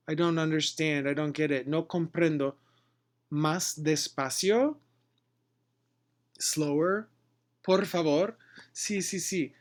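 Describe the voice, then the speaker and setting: A man leads a casual language lesson at a very unhurried pace. His slightly raised voice models short phrases one at a time, pausing to explain them in English. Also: fairly high pitch. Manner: slow, deliberate modeling of phrases, switching between Spanish and English. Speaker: Spanish teacher.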